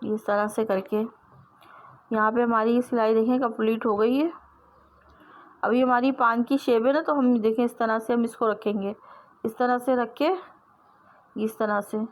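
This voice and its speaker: A woman teaching sewing step by step, explaining patiently and repeating herself as she works with her hands. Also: fairly high pitch.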